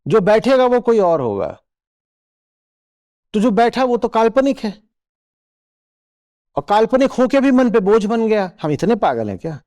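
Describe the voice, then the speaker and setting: Lively-voiced man giving a spiritual discourse. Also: sits high, measured pace, long pauses. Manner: rhetorical questions, checks listeners follow; acts out little quoted voices. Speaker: spiritual teacher. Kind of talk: spiritual discourse to a live audience.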